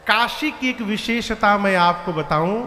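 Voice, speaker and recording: A man's voice: high-pitched, measured pace, bright, forceful tone. A man giving a devotional sermon. He chants verses and speaks directly to the audience. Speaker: katha preacher. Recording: echoey hall with live flute music.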